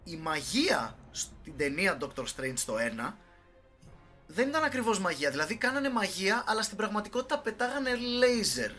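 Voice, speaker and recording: Animated bright-voiced man. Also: high voice, soft background music. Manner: animated, joking, swears casually. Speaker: podcast host. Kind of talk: casual chat about films.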